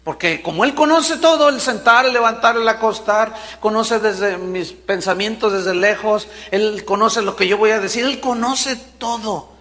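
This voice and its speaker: A high, bright male preacher delivering a sermon in a church hall with a long, ringing reverb. He talks emphatically, slows down for dramatic pauses, then bursts into loud quoted lines. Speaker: pastor.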